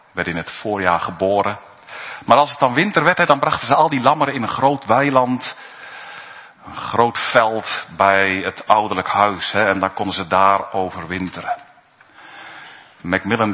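A man preaching a sermon in a church, slow and emphatic, with pauses and rising calls. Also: on the low side, sharp tone. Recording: dull recording in a reverberant church.

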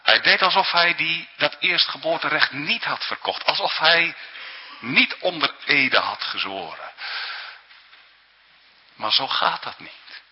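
Male preacher, husky and unhurried, pitch rises and falls widely as he presses home his points; dull lo-fi sermon recording in a reverberant hall. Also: lively intonation. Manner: earnest, emphatic, frequent tag questions.

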